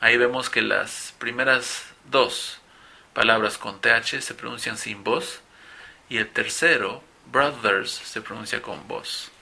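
A man gives a pronunciation lesson, saying each drill word twice at an unhurried pace. His voice is bright and forceful with a gravelly edge. Between drills he explains patiently. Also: mid-range voice. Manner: slow, deliberate, repeats each word twice. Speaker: English teacher.

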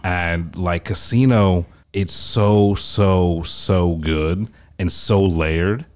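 Low-pitched guy, chatty film podcast co-host, swears a lot, rambles. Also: fairly even intonation, very slow, darkish tone. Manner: profane, rambling, enthusiastic. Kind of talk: casual film chat.

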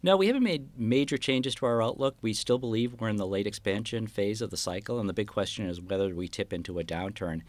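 A man giving analytical market outlook commentary in an interview, explaining his views in a measured way as a guest strategist. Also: on the low side, dry recording.

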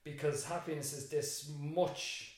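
A fairly high-pitched man with fairly even intonation speaks in an unhurried way. He's from Ireland, a secondary school teacher guesting on an interview, musing aloud in a rambling, reflective manner and restarting often. The recording is very echoey.

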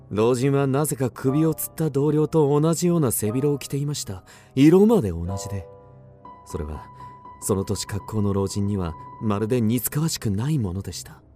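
A man's voice: on the low side, animated, moderate pace, mellow, soft background music, natural voice. An actor playing an agitated, obsessed man recounting an eerie mystery in dramatic radio drama narration, with theatrical swings. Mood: haunted, suspenseful. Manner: suspenseful, theatrical, with sudden swings.

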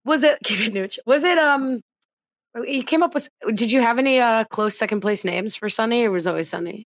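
A woman's voice: on the high side, brisk, no echo. Woman, podcast co-host, chatty teasing tone, dry close sound. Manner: chatty, teasing, laughs often. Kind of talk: casual podcast chat.

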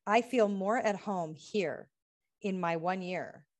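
A slow, mid-range female voice belongs to a healing practitioner and author from the United States. As a guest in a conversational interview, she speaks earnestly, lists off questions, and laughs frequently.

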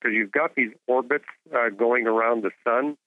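A man speaking as a guest expert in an interview, explaining science in a measured, didactic way over a narrow phone-like connection. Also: mid-range voice, no room sound. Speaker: guest expert, astronomer and author. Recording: phone-like narrow-band radio call.

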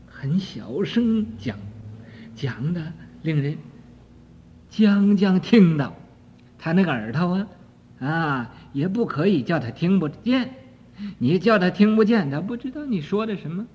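An older man teaching Buddhist doctrine in a high, lively voice, drawing his words out slowly and scattering "ah" between phrases. He drops to near-whispers and then rises sharply. The dull archival recording carries a long hall reverb. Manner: slow, drawn-out delivery with frequent "ah" fillers, swinging between soft and loud. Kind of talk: dharma lecture on a sutra commentary.

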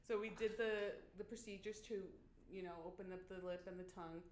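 A woman guest in a casual panel chat, telling a long story in an animated way and acting out the quotes. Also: mid-range voice, fairly quick, a little hiss or hum. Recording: echoey room.

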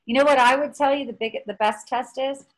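A woman in her fifties chats casually as a co-host, her voice sitting a little high. She rambles through stories, stopping and restarting her sentences as she goes. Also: steady tone, fairly quick, poor audio. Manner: chatty, rambling storyteller with many restarts. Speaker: podcast co-host. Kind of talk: casual chat.

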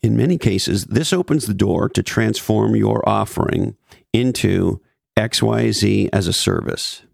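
A man's voice: fairly low pitch, creaky, dry recording, clean studio sound. A man presenting scripted business commentary as a podcast host, with emphatic repetition and wry asides.

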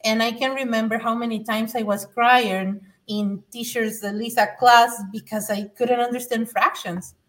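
Speaking at a normal pace with few pauses, a middle-aged Mexican woman tells her story as a podcast guest in a slightly high, steady, somewhat bright voice. She was an adult learner, and her earnest, emphatic telling is full of restarts and repeated words; she sits far from the mic.

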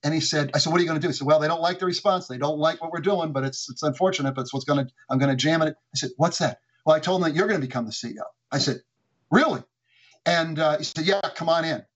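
A man with a slightly high, husky voice races through a career story, stumbling and restarting as he goes. The sound is dull and lo-fi, like a remote line. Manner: quick, animated, frequent restarts. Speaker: guest, former executive. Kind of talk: anecdotal storytelling.

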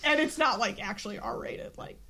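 A young woman co-hosting a podcast in casual chat, wry and teasing, quick to correct her co-host. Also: fairly high pitch, gravelly, pushed and bright.

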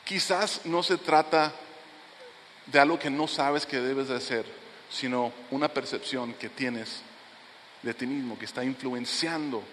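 A middle-aged man preaching a sermon as pastor. His delivery is earnest and drops to soft, low lines for emphasis. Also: measured pace, a little hiss or hum. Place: church sanctuary. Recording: long hall reverb in a church.

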